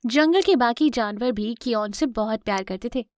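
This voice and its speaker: A woman narrating a scripted children's cartoon story in a clear, expressive storytelling voice. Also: fairly high pitch, moderate pace, no room sound, studio quality.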